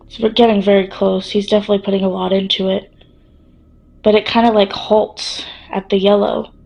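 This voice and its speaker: A woman vlogs a ghost investigation from an echoey room inside a castle, excitably and spontaneously putting questions and requests to a spirit and often rephrasing them. Her voice is medium-pitched, and the recording has a roomy echo with some background noise.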